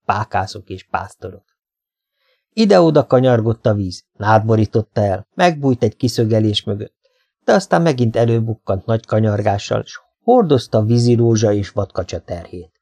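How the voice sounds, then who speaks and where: A man narrating a literary audiobook in a calm, measured way. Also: fairly low pitch.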